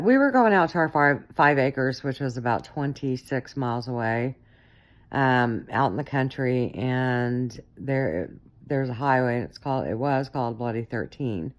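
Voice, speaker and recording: A middle-aged woman telling a personal story in a casual, rambling way, correcting herself often and filling pauses. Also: rumbling low. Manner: rambling, self-correcting, many fillers.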